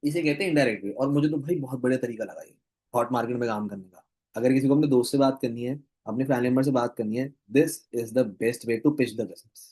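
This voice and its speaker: A man's voice: medium pitch, fairly quick, dark tone, husky. A man giving a casual, enthusiastic talk to camera, recapping a training session for his business team. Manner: chatty, enthusiastic, chuckles while retelling. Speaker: network-marketing trainer.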